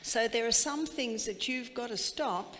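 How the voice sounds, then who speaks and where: A woman's voice: on the high side, measured pace, a bit bright, in a large hall, a little hiss or hum. A woman giving a health seminar to a live audience, emphatic and full of rhetorical questions.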